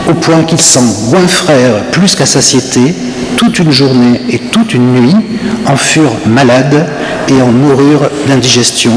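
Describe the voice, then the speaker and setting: A man preaching a solemn, literary sermon full of rhetorical questions, through a clipping, saturated microphone. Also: medium pitch. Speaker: Protestant preacher. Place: large reverberant Protestant church. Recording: saturated clipping mic, echoey church, noisy.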